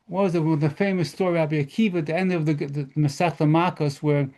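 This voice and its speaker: A rabbi telling lively stories at a model seder lesson, mixing in Hebrew terms. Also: male voice, on the high side, fast.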